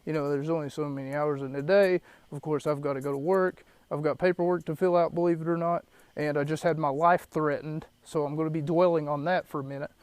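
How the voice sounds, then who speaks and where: A man's voice: fairly high pitch, steady tone, a little fast, smooth, no room sound. A young man hosting a solo podcast from his parked car, rambling and shaken, catching his breath between fillers. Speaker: podcast host. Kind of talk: solo podcast, wrestling recap. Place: parked car in an empty lot.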